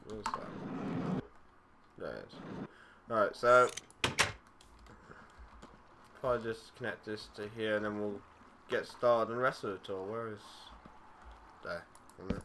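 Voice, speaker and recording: Rambling young gamer, noisy recording. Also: male voice, lowish voice, takes it slowly, pauses often. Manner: rambling, easygoing, frequent fillers and self-corrections. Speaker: gaming YouTuber. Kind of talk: casual let's-play commentary. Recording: loud background noise with game clicks.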